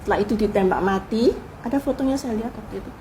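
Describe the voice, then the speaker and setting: An older woman, a guest in an interview, telling family history in a lively way and acting out the people she quotes. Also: mid-range voice, very fast, a little hiss or hum, rough recording. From Indonesia. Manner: animated storyteller who acts out quoted people. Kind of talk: casual spoken reminiscence.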